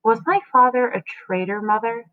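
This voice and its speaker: A woman's voice: on the high side, dry recording, pitched above the performer's own voice, lightly acted. A woman reading a cheeky questioning boy. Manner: quick, cheeky back-and-forth questions. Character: young boy, witty and questioning. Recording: tinny phone-like dry sound.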